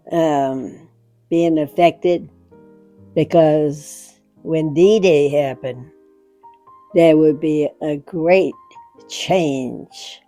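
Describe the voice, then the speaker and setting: Very old woman, american, mellow voice, really slow halting memories, faint music. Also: low-pitched. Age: very old, about 100. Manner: halting, short phrases with pauses. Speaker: interviewee recalling wartime memories. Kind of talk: unscripted reminiscence.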